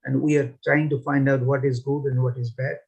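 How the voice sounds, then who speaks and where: A man's voice: medium pitch, little pitch movement, brisk, darkish tone, slightly rough, lo-fi sound. A man in a class audience thanking the speaker and earnestly explaining a devotional point. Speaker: class attendee commenting. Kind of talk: devotional comment.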